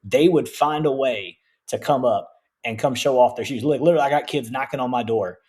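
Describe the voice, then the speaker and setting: A man co-hosting a podcast as an English teacher, telling stories in a casual, animated way. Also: medium pitch, fairly quick. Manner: animated storytelling, acts out quoted voices.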